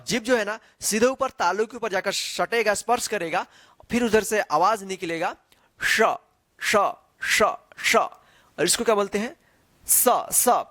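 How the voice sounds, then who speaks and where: A man's voice: sits high, sharp tone, dry recording. A man teaching the Hindi alphabet in an online lesson, reciting letters one by one and checking in often with the viewer. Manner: slow, drawn-out recitation with frequent check-ins; quizzing the viewer with repeated questions.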